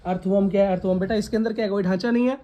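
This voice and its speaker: A woman teacher runs a classroom science lesson with a warm, mellow voice. She keeps asking the class questions and has them repeat key words back to her, and she scolds students who laugh. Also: medium pitch, fairly even intonation, rapid-fire, muffled recording. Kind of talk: classroom lesson with call-and-response.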